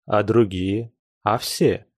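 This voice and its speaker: A man's voice: fairly low pitch, fairly even intonation, takes it slowly, a little mellow, no room sound, clean studio sound. A man reading a classic novel aloud, voicing a passionate, earnest young nobleman with urgent, lecturing speech.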